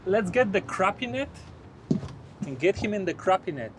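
Out on a river in a small fishing boat, a man with a high-pitched voice and big pitch swings speaks at normal speed, excitedly cheering on his catch and addressing viewers as a fishing vlogger. The boat-mounted camera picks up a noisy outdoor recording full of traffic and outdoor sounds.

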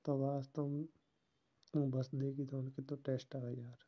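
A caller speaks casually and privately, as if on a phone call, at normal speed. The voice is medium in pitch with a flat melody, and the recording sounds dull and lo-fi.

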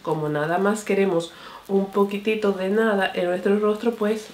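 A woman's voice: mid-range voice, steady tone, moderate pace, darkish tone. A woman reviewing makeup products in a casual vlog, chatting to her viewers and calling them "señores" and "mi amor". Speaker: beauty vlogger. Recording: echoey room.

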